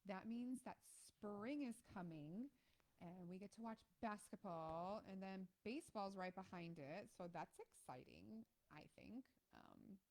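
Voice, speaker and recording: Ohio woman streaming a game, chatty, lots of ums, gets loud when a play happens. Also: medium pitch, unhurried. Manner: chatty, lots of ums, excited outbursts at plays. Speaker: live stream host. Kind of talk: casual live game commentary.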